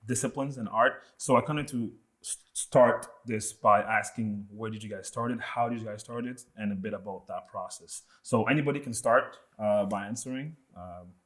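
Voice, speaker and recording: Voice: mid-range voice, moderate pace. The host of a round-table talk, introducing guests and asking questions in a loose, hesitant way. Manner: loose, hesitant, lots of fillers. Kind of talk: hosting a panel talk.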